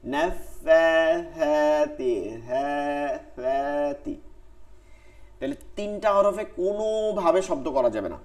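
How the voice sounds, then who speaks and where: A man's voice: high-pitched, very animated, normal speed, hardly any pauses, darkish tone. Man drilling letter sounds. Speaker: Quran recitation teacher. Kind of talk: online class teaching.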